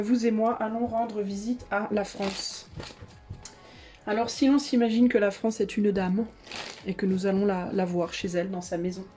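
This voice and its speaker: A woman's voice: medium pitch, mellow, slight background noise. A woman giving a casual tarot reading to her viewers, chatty and playful, with many hesitations and restarts. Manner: playful, laughing often. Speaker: tarot reader. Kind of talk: casual video chat.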